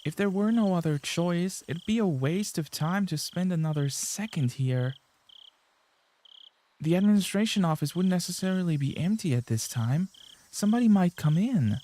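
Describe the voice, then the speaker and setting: A man's voice: high voice, animated, normal speed, mellow. A man reading the inner monologue of a panicking teenage girl sneaking through a school, in a tense, frantic voice. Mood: panicked. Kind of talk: reading a visual novel aloud.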